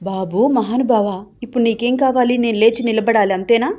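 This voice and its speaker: A bold, jealous young wife, voiced by a woman narrator in a spoken storybook. She is quick-tongued and teasing, and just as quick to scold. Her voice sits higher and louder than the narration, with a soft, mellow color underneath. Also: natural voice. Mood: exasperated. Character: fiery young wife, playful then fiercely jealous.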